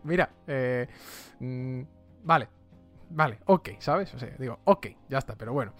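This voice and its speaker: A man's voice: mid-range voice, animated, unhurried, fairly bright tone, soft background music. A man with a light Andalusian accent, chatting animatedly as a podcast co-host and laughing often. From Andalusia, Spain. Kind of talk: casual gaming chat.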